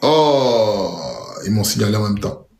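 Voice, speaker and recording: A man's voice: fairly low pitch, measured pace, a little mellow. Ivorian-accented male panel host, roomy sound. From Côte d'Ivoire. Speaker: host of a live audio panel. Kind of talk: casual live chat.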